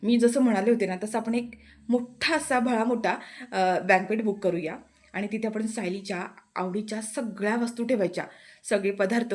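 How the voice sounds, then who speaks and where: A woman voicing an eager young woman pitching a big party plan, in a serial recap. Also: lightly acted. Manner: enthusiastic.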